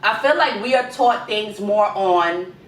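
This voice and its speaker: A young adult woman with a Guyanese accent giving informal life advice in a conversational way, repeating key words for emphasis. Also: measured pace. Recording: echoey room, distant mic, rumbling noise.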